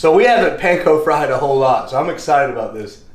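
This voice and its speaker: Man, young adult, fishing vlog host, upbeat, somewhat high voice, echoey kitchen. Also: animated, fast. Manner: upbeat, laughing, drawling y'all. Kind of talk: casual cooking and tasting chat. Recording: echoey room.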